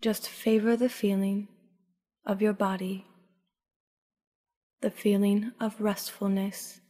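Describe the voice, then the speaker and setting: Woman, sleep story narrator, mellow dark tone, soft breathy endings, calm guided meditation, long reverb. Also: medium pitch, takes it slowly.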